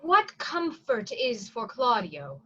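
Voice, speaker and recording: Slightly muffled lo-fi audio carries a woman acting a brisk, commanding Shakespearean prison provost in a staged reading. High, a bit bright, and sing-song, her unhurried voice declaims each order with stern weight and some pity, sober and pitying in mood, heavily acted.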